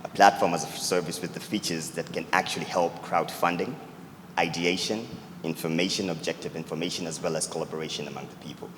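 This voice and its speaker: A man from Tanzania, a startup founder, earnestly answering judges' questions at a pitch event. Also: steady tone, a little fast, a little hiss or hum. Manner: earnest, repeats "actually" often. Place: event hall. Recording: echoey hall with loud ambience.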